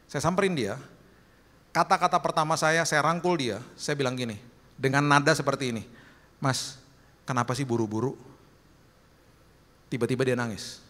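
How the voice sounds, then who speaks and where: Bright-voiced preacher in a big hall. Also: male voice, a little high, a little fast. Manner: storytelling, acts out voices in anecdotes. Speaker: pastor. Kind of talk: sermon. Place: large church hall. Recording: long hall reverb.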